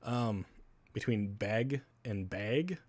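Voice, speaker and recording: A man's voice: fairly low pitch, expressive, drawn-out words, darkish tone, no echo. A man from Wisconsin with a Wisconsin accent, rambling in casual live-stream chat with viewers, laughing often and swearing casually.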